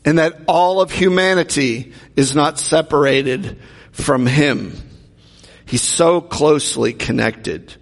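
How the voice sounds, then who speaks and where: Speaking slowly with vocal fry in a voice on the high side, a man preaches a sermon conversationally and puts rhetorical questions to the congregation. The sound echoes with long hall reverb.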